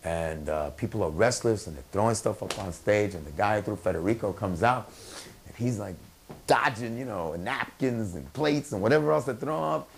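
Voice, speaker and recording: A man telling stories in a casual, animated way in a documentary interview. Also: on the low side, moderate pace, gravelly, slight background noise.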